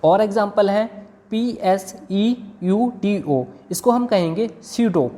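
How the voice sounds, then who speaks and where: A woman teaching an English lesson, spelling words out letter by letter and pronouncing each one slowly and carefully. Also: medium pitch, mellow. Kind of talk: lesson explaining silent letters.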